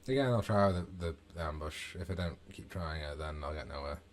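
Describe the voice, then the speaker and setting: Gaming streamer, male, deep voice, casual muttered play-by-play at a desk mic. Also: brisk. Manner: muttering, thinking aloud. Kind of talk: casual gameplay commentary.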